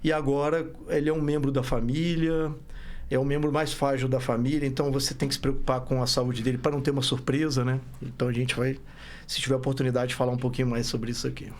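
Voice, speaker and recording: He talks quickly in a darkish, medium-pitched voice that barely moves in pitch. This podcast guest is a Brazilian startup founder, born in Rio and raised in Belo Horizonte, speaking Brazilian Portuguese with a Minas Gerais accent. His casual speech rambles, with constant restarts, self-corrections and "né?".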